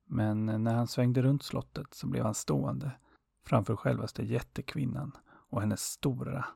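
A man narrating a fairy tale in a calm, unhurried, softly expressive way, with a husky voice. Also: mid-range voice, no echo, studio quality. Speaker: storyteller.

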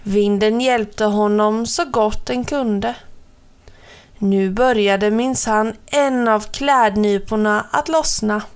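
A woman narrating a children's story in a gentle, expressive way. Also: medium pitch, clear, resonant tone.

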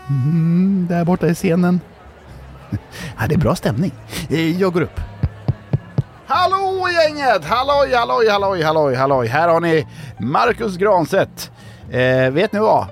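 A man's voice: medium pitch, darkish tone. A man hosts a children's bedtime show. He rambles playfully, tells jokes and corrects himself. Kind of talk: playful storytelling and joke-telling.

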